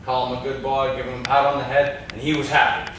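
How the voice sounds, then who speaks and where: Filmed by a distant camera in an echoey, noisy classroom, a young man performs in an amateur stage play as a menacing, mournful old man from a cabin with a folksy rustic drawl. His mid-range voice is a bit bright and fairly flat in pitch, he talks fast, and the acting is light.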